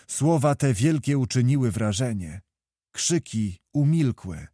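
A man reading a historical novel aloud in a measured, steady narration. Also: medium pitch, no room sound, studio quality. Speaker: audiobook reader.

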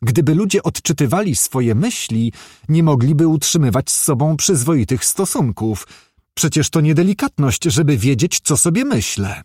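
A man's voice: on the high side, sing-song, normal speed, darkish tone, slightly rough, dry recording, studio quality, voice pushed up. A man doing a flustered rich industrialist. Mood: flustered pleading. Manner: blustering, fussy, pleading.

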